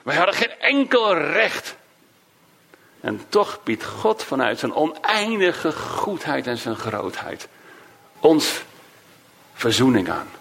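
Emotive Dutch-speaking preacher with lively pitch. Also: male voice, gravelly, slightly rough. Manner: emotive, swinging between raised emphasis and hushed low phrases; slow, drawn-out delivery of quoted cries. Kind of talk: sermon.

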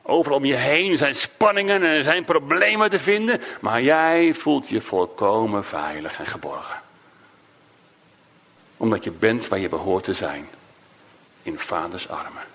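A man preaching a sermon, emotive, swinging between raised emphasis and hushed, low phrases. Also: lively intonation. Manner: slow, drawn-out delivery of quoted cries.

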